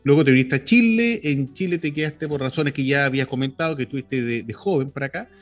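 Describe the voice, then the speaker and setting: A man's voice: medium pitch, quick pace, faint music behind. Rambling man hosting a chat. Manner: rambling, repeats words. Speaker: interview host. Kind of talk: casual interview talk.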